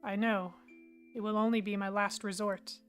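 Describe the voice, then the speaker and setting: A woman's voice: mid-range voice, fairly even intonation, moderate pace, faint music behind, natural voice. A woman voicing a serious, resourceful heroine in an audio role-play, speaking earnestly. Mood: grave.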